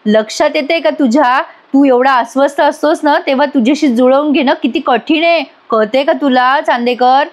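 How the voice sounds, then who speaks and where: Mocking, needling young wife, voiced by a woman, fairly high voice. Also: moderate pace, hardly any pauses, natural voice. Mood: teasing. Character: teasing, sharp-tongued young wife.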